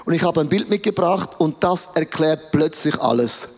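A man preaching a sermon in an animated, playful way, acting out little scenes. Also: a little high, moderate pace. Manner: animated, playful, acts out quotes. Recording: reverberant hall.

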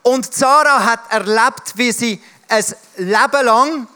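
A man with a Swiss German accent preaches with a high, forceful voice. He speaks directly to his listeners and presses each point with emphasis. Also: takes it slowly, clean tone. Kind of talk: sermon.

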